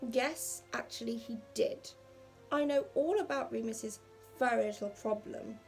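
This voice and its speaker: A woman voices a defiant teenage schoolgirl who answers coldly and firmly. The voice is on the high side with a gravelly edge, and soft music runs behind it. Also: measured pace. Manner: cold, firm retorts.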